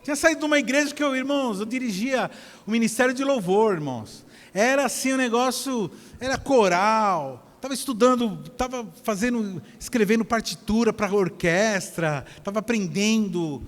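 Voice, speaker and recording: A man with a Brazilian Portuguese accent preaching a sermon at a church service, telling stories in an animated way that swings from near-shouts to soft asides. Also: sits high, moderate pace. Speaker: pastor. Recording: long church hall reverb.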